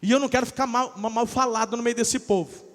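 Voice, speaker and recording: A man's voice: extremely high pitch, steady tone. A male pastor voicing an anxious teenage girl who frets about gossip and demands proof, in a sermon. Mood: demanding. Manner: demanding, fretful, fast. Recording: long church-hall reverb.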